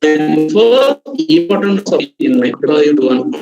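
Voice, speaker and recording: A man's voice: fairly high pitch, animated, moderate pace, music in the background. Indian man teaching over a roomy, dull video call. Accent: Indian English. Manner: repeats "okay", gives numbered step-by-step tips. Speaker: online workshop trainer. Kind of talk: live online lecture.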